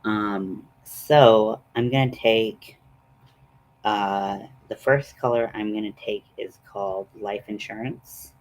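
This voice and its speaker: A man's voice: on the low side, steady tone, slow, low-quality recording. A man hosting a casual, chatty makeup tutorial in a rambling, self-deprecating way. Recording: noticeable background noise.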